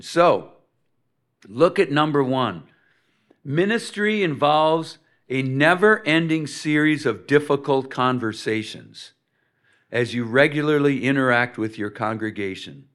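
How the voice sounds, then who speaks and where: A man's voice: mid-range voice, fairly bright tone. Older man teaching, rambling with stories. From Minnesota, USA. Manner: rambling, anecdotal, frequent fillers. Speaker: ministry instructor. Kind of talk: informal teaching talk.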